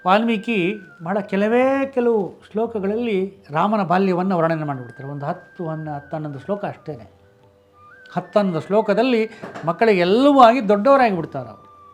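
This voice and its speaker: A man giving a devotional storytelling discourse, conversational and animated, often breaking off and restarting words. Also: high voice, fairly quick, faint music behind. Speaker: religious discourse speaker.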